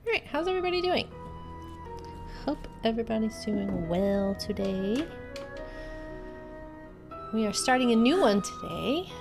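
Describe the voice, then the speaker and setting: A woman's voice: on the high side, big pitch swings, a little slow, long pauses, over music. A young woman casually chatting as co-host while streaming a video game, laid-back and chatty.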